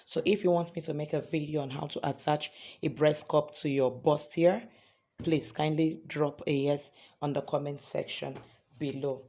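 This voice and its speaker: A hoarse man teaching a sewing tutorial step by step, often checking in with "okay?". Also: a little high, steady tone, moderate pace, a little mellow. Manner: repeats points, ends lines with "okay?". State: hoarse from singing. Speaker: sewing instructor.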